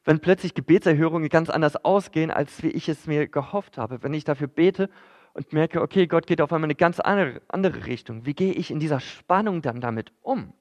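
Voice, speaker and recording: A man's voice: fairly high pitch, brisk, a little mellow. A man preaching a sermon in church, in a conversational way that addresses the listeners directly, with frequent fillers.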